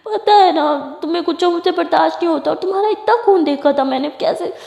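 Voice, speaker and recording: A woman's voice: very high voice, brisk, vocal fry, voice pushed up, full character voice. A woman voicing a fiercely protective, hot-tempered young college woman in an audio love story, threatening in one breath and coaxing in the next. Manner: shouting threats, then coaxing softly. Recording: echoey hall reverb.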